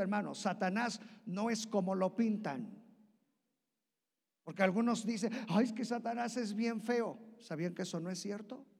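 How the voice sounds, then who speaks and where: A male pastor preaches in a high, gravelly, husky voice. He swings from loud, high-pitched bursts to hushed, low asides. The sound carries a long reverb, as in a church hall. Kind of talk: sermon.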